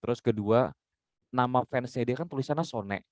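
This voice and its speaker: A man's voice: mid-range voice, normal speed, dry recording. A man mentoring journalism students, giving direct, instructive feedback and demonstrating intonation himself. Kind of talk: coaching critique.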